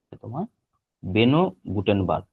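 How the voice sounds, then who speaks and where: A man teaching a geography class online, repeating key terms slowly so students can write them down. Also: on the low side, very animated, breathy edge. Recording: tinny phone-like line.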